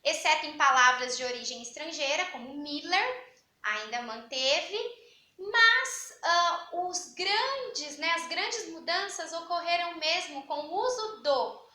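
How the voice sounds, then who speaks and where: A young woman teaching a grammar class, her voice high and bright. She talks in a chatty way, asking questions and then answering them herself. The sound bounces around an echoey room. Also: lively intonation, slow pace. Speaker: Portuguese teacher. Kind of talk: online grammar lesson.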